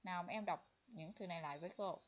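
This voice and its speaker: A woman English teacher giving a bilingual vocabulary lesson, repeating each word slowly for students to copy. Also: on the low side. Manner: slow drilled repetition of words. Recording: dull lo-fi recording.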